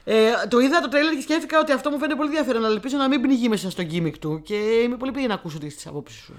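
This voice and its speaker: A woman co-hosting a podcast in casual chat, eager and quick to agree with repeated yeses. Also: a little high, animated. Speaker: podcast co-host.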